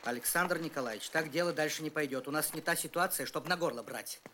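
A man's voice: on the high side, fast, noisy background, natural voice. A man playing a firm, fatherly middle-aged front commander in a war film. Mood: calm authority.

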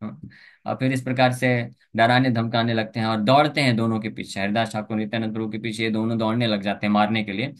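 A man's voice: fairly low pitch, flat delivery, fast talker. A man giving a Hindi scripture lecture, telling a story and acting out its characters' lines with a lifted voice. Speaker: preacher.

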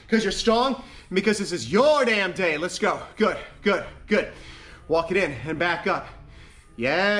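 An energetic male aerobics instructor with a high-pitched voice, recorded in a large, echoey gym studio. He barks short moves and countdowns as he exercises, urging the class on. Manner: energetic, clipped, encouraging commands while exercising. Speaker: fitness instructor leading an online workout class. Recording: echoey large empty room.

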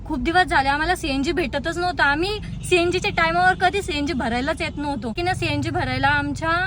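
A woman's voice: high voice, fast talker, a little hiss or hum. A woman from Maharashtra, India, chatting casually as a travel vlogger from inside a car. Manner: chatty, playful, mimics shouting. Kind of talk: casual travel vlog chat.

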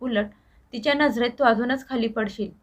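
A man's voice: very high-pitched, normal speed. A woman narrator voicing a stern elderly father who warns his son. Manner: stern, warning.

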